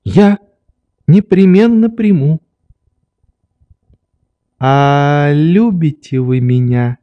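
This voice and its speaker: A man's voice: fairly high pitch, expressive, drawn-out words, lo-fi sound, pitched above the performer's own voice. A man voicing a mischievous, capricious sick young girl who teases and plays in an audiobook. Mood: teasing. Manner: teasing, playful. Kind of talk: audiobook character reading.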